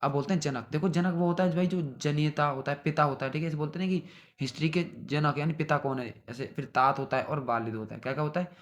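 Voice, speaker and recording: On dull-sounding audio, a young man talks fast in a fairly high voice with fairly even intonation. He is teaching a synonym revision lesson for exams, repeating word lists and checking with students after each one, peppering the drills with "theek hai bhai."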